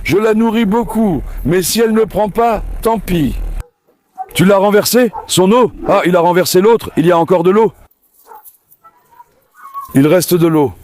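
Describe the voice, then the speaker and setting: A man's voice: high-pitched, a little slow, pauses often, a little mellow. A man breeding dogs, talking casually as he feeds them outdoors, calling each one with coaxing, affectionate words. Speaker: dog breeder feeding his dogs. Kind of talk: casual vlog narration while feeding dogs. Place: outdoor farm with dog kennels.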